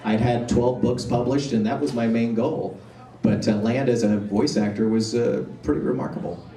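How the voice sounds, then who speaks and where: A man answering fan questions at a convention panel, telling animated anecdotes and acting out the voices of people in his stories. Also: mid-range voice, normal speed. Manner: animated anecdotal storytelling, acts out quoted voices. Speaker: convention panel guest voice actor. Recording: roomy hall, recorded from far off.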